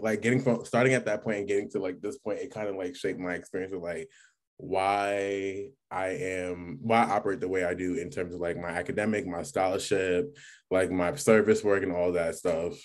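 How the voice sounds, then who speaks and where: A young man, his voice sitting a little low. He talks in a relaxed, rambling way, with plenty of "like" and "um" and easy laughter, as a guest on a casual podcast. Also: normal speed. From New York. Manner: relaxed, many fillers and "like", laughs often. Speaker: guest, graduate student. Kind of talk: casual chat.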